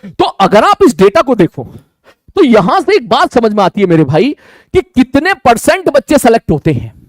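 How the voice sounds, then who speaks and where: A man teaching a live online class, talking fast and repeating his phrases with frequent checks for understanding. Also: extremely high pitch, very animated, no room sound, studio quality.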